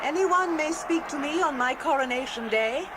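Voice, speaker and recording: A woman's voice: high-pitched, expressive, moderate pace, background noise. An actress playing a regal, commanding English queen in a children's historical drama, declaiming in an English accent. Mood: gracious, solemn. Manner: stately, declamatory, imperious.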